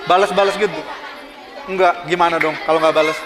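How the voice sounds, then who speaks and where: A man giving a children's sermon as a pastor, animated and asking the children lots of questions. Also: sits high, brisk. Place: church hall. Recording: echoey hall with children's crowd.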